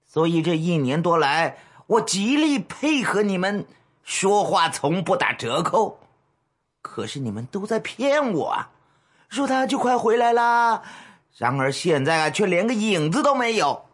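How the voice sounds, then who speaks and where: A man's voice: on the high side, a bit bright, breathy edge, heavily acted. An actor playing a greedy, scheming middle-aged man who wheedles and then threatens, in a radio drama.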